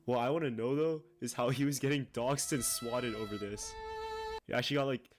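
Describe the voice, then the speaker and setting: A man's voice: mid-range voice, steady tone, fairly quick, music in the background. A young man giving casual online commentary in a slangy, incredulous way.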